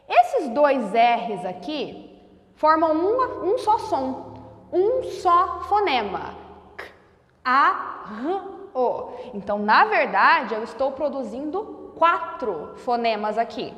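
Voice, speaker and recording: A woman teacher giving a phonetics lesson at a whiteboard. She sounds out words very slowly and deliberately. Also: high-pitched, very animated, fairly bright tone. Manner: slow, deliberate over-enunciation of sounds. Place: classroom with a whiteboard. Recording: echoey room with long reverb.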